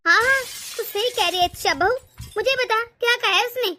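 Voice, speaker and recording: A woman's voice: extremely high pitch, brisk, bright, forceful tone, slight background noise. A woman voicing a worried elderly mother-in-law who broods and frets over her family in a cartoon story. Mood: stern. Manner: brooding, fretful.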